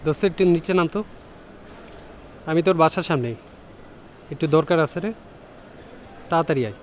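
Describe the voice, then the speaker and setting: A man's voice: on the high side, brisk, a little hiss or hum, lightly acted. A man playing an earnest young man who wants to give a street kid a new life, speaking urgently. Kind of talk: amateur drama acting.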